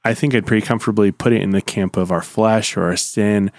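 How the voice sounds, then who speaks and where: A man with a gravelly, creaky voice, slightly under the weather, hosts a casual podcast. His delivery is informal and hesitant when he explains things, and the sound is close and dry. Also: on the low side, steady tone, brisk, a little mellow, dry recording. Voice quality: gravelly from a recent illness. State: getting over being sick. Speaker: podcast host. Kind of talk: casual conversational church podcast.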